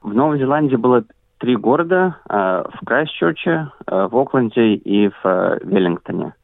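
A man interviewed as an activist coordinator, answering in a measured way with frequent hesitation sounds. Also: mid-range voice, lively intonation, no room sound. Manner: measured, frequent filler sounds, careful listing. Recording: dry tinny phone-like line.

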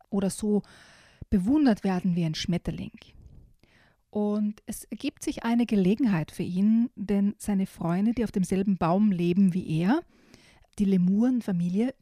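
A woman presents children's picture books, reading passages aloud in a soft, mellow voice and then chatting to a young listener with small fillers. Her pitch sits in an ordinary middle range. The sound is dry and close, with no room around it. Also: no room sound. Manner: lively storytelling with shifted voices for animals.

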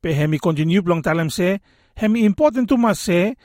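High-pitched Solomon Islands Pidgin man presenter. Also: lively intonation, a little fast, darkish tone, no echo, studio quality. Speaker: radio presenter. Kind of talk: scripted explainer narration.

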